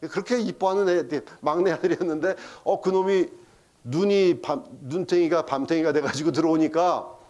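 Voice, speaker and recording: Middle-aged male pastor, high-pitched, preaching a sermon in church, acts out the voices in his stories. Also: moderate pace, a little mellow, lo-fi sound. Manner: storytelling, acting out quotes with English phrases.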